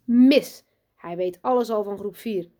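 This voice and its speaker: A woman voicing a strict, pompous headmistress in a children's storybook reading, loud, high and commanding. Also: measured pace, close to an everyday voice. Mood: bossy. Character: strict pompous female headmistress, bossy and boastful.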